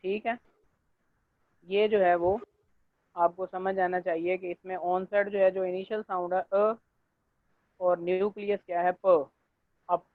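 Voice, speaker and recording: High-voiced man lecturing over a tinny line. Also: flat delivery, no echo. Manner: checks in with students often; fills pauses with stock phrases. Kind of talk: online linguistics lecture. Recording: dry, tinny phone-like line.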